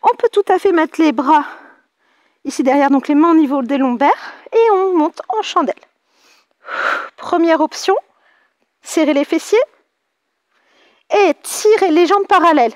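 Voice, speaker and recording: A woman's voice: very high voice, expressive, measured pace, pauses often, no room sound, clean studio sound. A French woman with a French accent leading a Pilates class, cheerful and chatty, counting out the reps. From France. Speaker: Pilates instructor. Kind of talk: guided exercise class.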